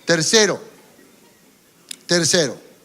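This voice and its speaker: A man's voice: on the high side, expressive, slow pace, a bit bright. A pastor preaching a sermon, often turning to the congregation with rhetorical questions and stories from his own ministry.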